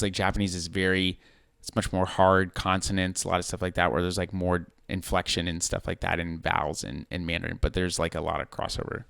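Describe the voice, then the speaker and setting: A man's voice: sits low, vocal fry, fairly bright tone, clean tone, no echo, studio quality. A man hosting a podcast, chatting casually with his guest and laughing easily. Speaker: podcast host. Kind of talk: casual interview chat.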